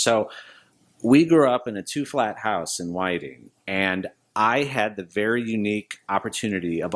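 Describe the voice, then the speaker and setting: A man with a fairly low voice speaks as a guest in an interview. His answers are casual and conversational. He links his thoughts loosely, in informal everyday phrasing. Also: a bit bright. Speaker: interview guest, business leader.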